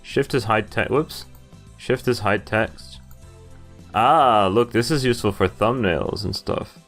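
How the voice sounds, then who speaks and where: A man in his twenties hosts a gaming playthrough from an indoor room with a webcam in the corner, reading the game's narration aloud and adding casual asides. His voice is on the low side and a bit bright, unhurried, with faint music behind it.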